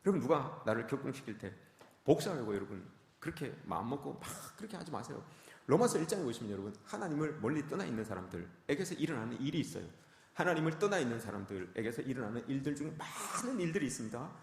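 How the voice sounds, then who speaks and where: Fast, lively Korean preacher in a hall. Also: male voice, medium pitch, vocal fry. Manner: emphatic, repetitive preaching, addressing the congregation often. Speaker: pastor. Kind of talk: sermon.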